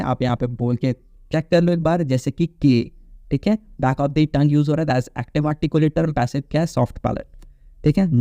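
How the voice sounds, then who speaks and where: A man's voice: on the high side, warm tone, no room sound. A man with an Indian accent teaching an exam-prep phonetics lesson, explaining step by step and checking in with listeners often. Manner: explanatory, checks in with frequent "theek hai?" and slows down for English terms. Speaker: English teacher.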